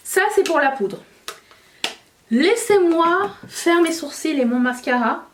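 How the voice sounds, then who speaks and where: A woman's voice: extremely high pitch, lively intonation, takes it slowly, roomy sound, distant mic, slight background noise. A woman vlogger chatting casually to viewers while she does her makeup, joking at her own expense. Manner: chatty, self-mocking, talks while applying makeup. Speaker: beauty vlogger. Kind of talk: casual makeup tutorial chat.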